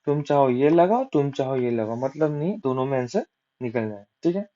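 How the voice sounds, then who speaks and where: A man's voice: medium pitch, expressive, normal speed, dark tone. A man teaching an exam-prep maths lesson, working sums aloud, asking and answering his own questions, mixing terms in. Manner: works sums aloud step by step, asks and answers himself; mixes English maths terms into Hindi. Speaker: maths tutor. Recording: dull lo-fi recording.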